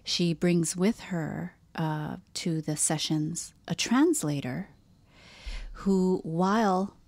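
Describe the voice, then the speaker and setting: A woman's voice: lowish voice, takes it slowly, a little mellow, dry recording. A woman co-hosting a podcast, chatting casually, laughing often and trailing off mid-sentence. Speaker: podcast co-host. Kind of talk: casual chat.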